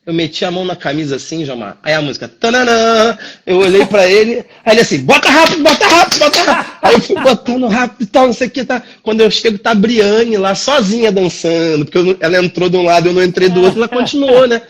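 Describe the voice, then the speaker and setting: A Brazilian man, a dance teacher, telling a story in casual chat on a livestream, animated and acting out the dialogue. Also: high-pitched, fast, hardly any pauses. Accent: Brazilian Portuguese. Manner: animated, acts out quoted dialogue. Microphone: phone or computer on a live video stream.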